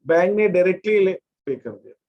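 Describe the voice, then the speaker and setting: A man with a high voice and lively intonation teaches accountancy in a classroom lecture; the highs are cut off and there's a little hiss or hum. He explains step by step, mixes in English terms, and dictates them slowly while writing.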